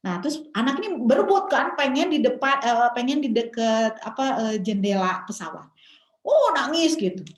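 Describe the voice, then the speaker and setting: A woman's voice: a little high, moderate pace, few pauses. A woman with a Sundanese-tinged Indonesian accent giving a parenting seminar, telling stories with animation and acting out parents' and children's lines. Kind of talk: seminar talk. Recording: echoey room.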